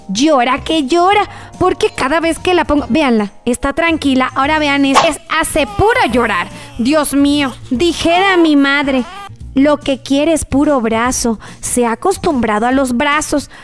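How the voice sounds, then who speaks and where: A gaming channel host with a high-pitched voice provides gameplay commentary, speaking directly to her viewers. She plays a frazzled mother in a theatrical, exclamatory way.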